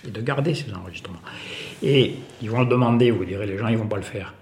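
Gravelly man explaining politics in an echoey room. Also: fairly low pitch, fast talker, darkish tone, a little hiss or hum. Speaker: farmer speaking as an activist. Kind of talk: explanatory political talk, speaking off the cuff.

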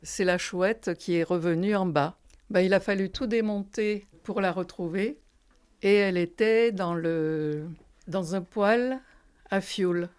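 Smooth-voiced older woman telling memories. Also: mid-range voice. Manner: gentle, unhurried, with pauses and fillers. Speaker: interviewee. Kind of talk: storytelling reminiscence.

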